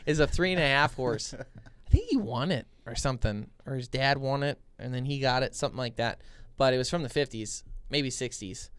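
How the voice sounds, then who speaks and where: A young man co-hosting a podcast, telling stories in a relaxed, animated way. He speaks into a boom mic in a small foam-lined studio. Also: moderate pace, clean tone, no room sound. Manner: animated, gestures with his hands while telling stories. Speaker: podcast co-host. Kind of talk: casual storytelling chat. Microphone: boom mic with headphones.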